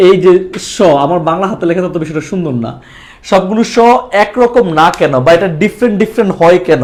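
A young man with a Bangladeshi accent teaching a lively live English class at a whiteboard, mixing English phrases into his talk. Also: high voice.

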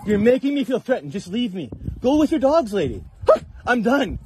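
A man with a high, animated voice argues in an outdoor park, defensive and repeating the same points. He is recorded on a phone, and steady noise runs under his voice. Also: normal speed. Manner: defensive, repetitive, telling her to leave. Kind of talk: heated argument filmed on a phone. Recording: noisy outdoor phone video.

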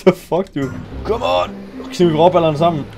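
A young man giving excitable, swear-filled let's play commentary, mixing in English slang. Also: on the high side, over music. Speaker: gaming YouTuber.

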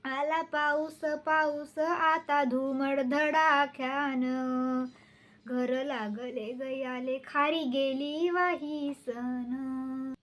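Teen girl, high voice, very slow sing-song poetry recital. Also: fairly even intonation, fairly bright tone. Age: teens. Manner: drawn-out, chanting delivery of verses. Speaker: student reciting poems.

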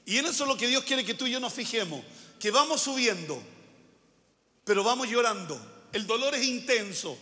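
A man's voice: extremely high pitch, expressive, normal speed, sharp tone. A male pastor preaching a sermon, repeating phrases and asking rhetorical questions. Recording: long church hall reverb.

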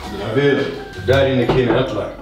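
Fast-talking young man, echoey vlog sound. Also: medium pitch. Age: 20s. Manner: playful, animated, addressing the camera and children. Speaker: YouTube host. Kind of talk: casual challenge vlog. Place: large house indoors and its doorway outside. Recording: echoey rooms, music behind.

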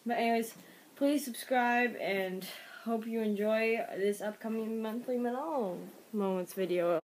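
A woman hosting her channel, chatting casually and then shouting and scolding in excited bursts. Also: on the high side, unhurried, a little hiss or hum. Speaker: channel host. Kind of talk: casual vlog chat and excited play-acting.

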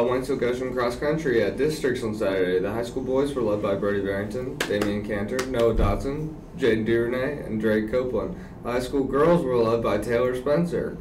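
A teenage male student anchor reading scripted high school morning announcements. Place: indoor school studio at a desk. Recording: echoey room, distant mic, faint noise.

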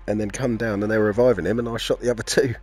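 A man chatting in game voice chat over a headset, recounting his plays in an animated way. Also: fairly low pitch, very fast, slightly rough. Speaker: online gamer.

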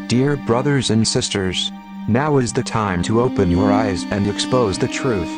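A man in a disguised deep voice reading a solemn, declamatory activist statement. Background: loud music.

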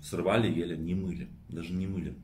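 Young man, very low voice, mouth stuffed with pasta, rambling casual mukbang chat in an echoey room with faint background noise. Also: fast, soft background music. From Russia. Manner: relaxed, rambling, talking while eating. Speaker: vlogger.

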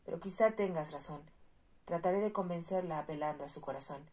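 A woman reading the lines of a proud, angry young male marquis in a storybook reading, with a forceful, exasperated delivery. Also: on the low side, a little fast, husky.

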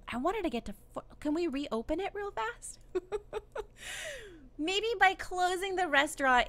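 Bright high-voiced excitable woman gamer. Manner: excitable, exclamatory, laughs often. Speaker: gaming YouTuber. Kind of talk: casual let's-play commentary.

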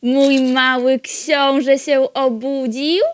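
A woman's voice: high voice, flat delivery, slow, slight background noise. A woman playing a doting young mother in a comedy sketch, cooing as she talks to a baby.

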